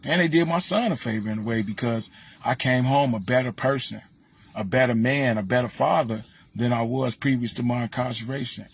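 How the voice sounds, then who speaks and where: A man's voice: medium pitch, brisk, slightly rough. A man with a Chicago accent hosting a casual livestream, blunt and preachy, speaking straight to his viewers. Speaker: livestream host.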